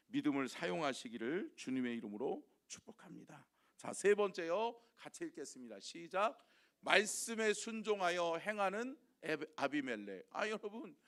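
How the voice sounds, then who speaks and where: A man's voice: sits high, bright, forceful tone. A man preaching an early-morning sermon as senior pastor. He speaks emphatically, asks the congregation question after question and has them repeat lines back. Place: church sanctuary.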